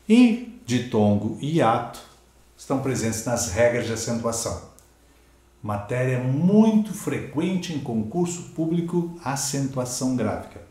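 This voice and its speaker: Brazilian man, portuguese teacher, exam-prep lecture, didactic, mid pitch, roomy echo. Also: darkish tone. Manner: didactic, stresses example words, asks "ok?" and "certo?".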